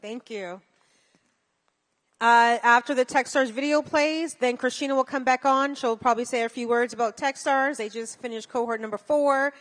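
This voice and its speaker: A woman running a pitch-event rehearsal, explaining the program order in a matter-of-fact way. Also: fairly even intonation, moderate pace, a bit bright, big-room sound. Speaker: event emcee.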